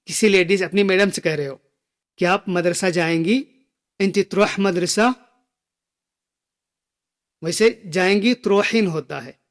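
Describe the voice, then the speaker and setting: Man, language teacher, high-pitched voice, unhurried delivery, repeats phrases for learners. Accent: Gulf Arabic phrases within Hindi speech. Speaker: Arabic teacher. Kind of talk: slow spoken language lesson.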